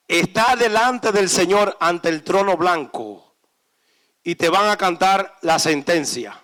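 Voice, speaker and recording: Un predicador con acento dominicano que da un sermón en tono enfático, con frases repetidas. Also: male voice, high-pitched, pushed and bright. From Dominican Republic. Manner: emphatic, repetitive preaching cadence. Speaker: preacher. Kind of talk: sermon.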